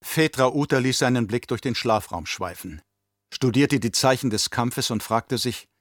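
A man narrating an audiobook in even, measured scripted storytelling. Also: medium pitch, dry recording, studio quality.

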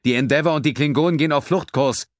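A man voicing a crisp male starship officer giving reports in an audiobook. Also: fairly high pitch, fast, no room sound, studio quality, voice pushed up, close to an everyday voice. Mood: urgent.

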